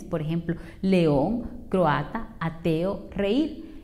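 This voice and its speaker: A woman teacher with a Honduran Spanish accent, narrating a spelling and accent lesson and saying example words slowly and carefully. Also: a little high, mellow. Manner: slow, careful over-enunciation of example words.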